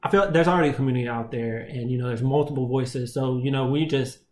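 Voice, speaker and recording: A man in his twenties co-hosting a podcast, chatting in an animated, joking way. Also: medium pitch, quick pace. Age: 20s. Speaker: podcast co-host. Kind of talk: casual chat. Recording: echoey room, faint background noise.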